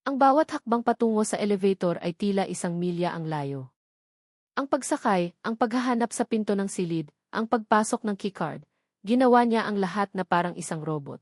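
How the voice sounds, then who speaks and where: A Filipino-accented woman gives a scripted story a dramatic audiobook reading. Her mid-range voice is expressive and a bit dark in tone, moving at a moderate pace, and the studio recording is clean with no room sound.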